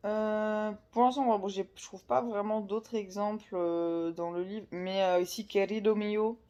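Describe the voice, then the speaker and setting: A woman's voice: medium pitch, fairly even intonation, a little slow, a little mellow, dull audio. A woman chatting casually about a book she is reading, hesitant, with many fillers and restarts. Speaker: book vlogger. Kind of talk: casual chat about books.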